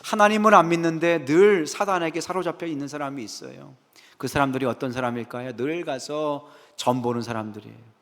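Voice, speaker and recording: A man's voice: a little high, fairly quick. A man preaching a sermon as senior pastor. He keeps asking the congregation rhetorical questions and answers himself with "yes". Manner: rhetorical questions, frequent "예" affirmations, lively asides to the congregation. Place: church sanctuary, Friday prayer service. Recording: echoey church hall.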